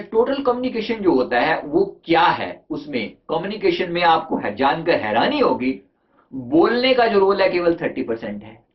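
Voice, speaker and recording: A man, a life coach, giving a conversational motivational talk on communication, asking his listeners rhetorical questions and mixing in English terms. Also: on the high side. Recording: dull lo-fi recording.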